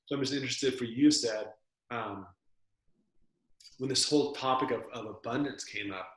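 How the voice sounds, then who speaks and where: A man's voice: mid-range voice, moderate pace. Reflective man in an echoey room. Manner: reflective, searching, repeats words as he thinks. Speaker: podcast co-host. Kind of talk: casual conversation. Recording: roomy echo.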